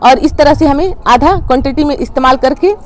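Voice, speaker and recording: Woman, high voice, plain instructional host explaining garden care to viewers. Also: a little fast, a little hiss or hum. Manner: plain step-by-step explaining, addresses viewers as friends. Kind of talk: instructional how-to talk.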